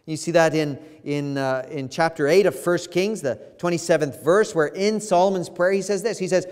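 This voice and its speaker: Man, pastor, preaching a sermon, high voice, earnest and emphatic, long church reverb. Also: moderate pace, a little mellow, clear, resonant tone. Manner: earnest preaching, voice rising in emphatic passages, frequent restarts. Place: church sanctuary.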